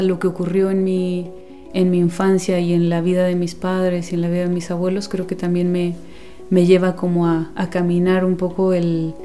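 A woman in her forties from Guatemala, a guest speaking softly in an interview and searching for words with many pauses and restarts. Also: fairly low pitch. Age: 40s. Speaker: guest, women's companion and former teacher. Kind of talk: unhurried interview talk.

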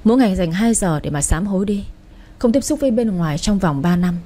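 A woman's voice: medium pitch, expressive, a little fast, mellow, natural voice. A woman voicing a stern elderly mother who rules her household, speaking severely and with command.

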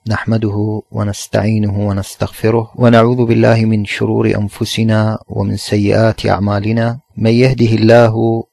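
A man teaching a formal lesson, reading a text and then explaining it in a measured way, slowing down on examples. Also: fairly low pitch, flat delivery, vocal fry, darkish tone, no room sound. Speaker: teacher of Arabic morphology.

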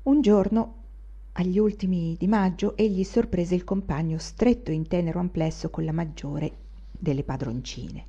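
Brief: a woman narrating a classic novel, expressive, mellow tone, dull recording. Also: fairly low pitch, slightly rough. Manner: measured, expressive reading. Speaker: audiobook reader. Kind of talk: literary audiobook narration.

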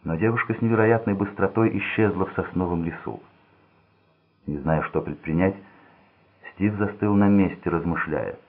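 A man narrating a thriller audiobook in a steady, measured reading voice. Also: sits low, husky. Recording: tinny phone-like sound.

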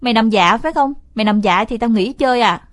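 A woman voicing a bossy, quick-tempered young boy who talks loud and cocky, in a storybook reading. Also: mid-range voice, steady tone, close to an everyday voice.

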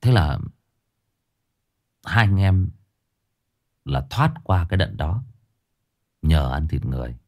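A man telling a tragic true story to his listeners in a casual spoken style, with sudden high emphatic bursts and low somber drops. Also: sing-song, takes it slowly, long pauses. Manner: addresses listeners directly, casual with restarts.

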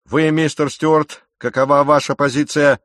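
A man voicing a furious, domineering ship captain who shouts and rages at his crew. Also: fairly high pitch, flat delivery, measured pace, no echo, clean studio sound, pitched above the performer's own voice. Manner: shouting, raging, commanding.

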